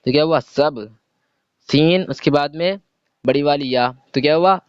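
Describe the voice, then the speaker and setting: His voice is a little high, clear and resonant, with no room sound around it. In a slow, step-by-step reading lesson, he spells out letters and sounds one by one and supplies answers to his own questions. The recording comes across dull and lo-fi.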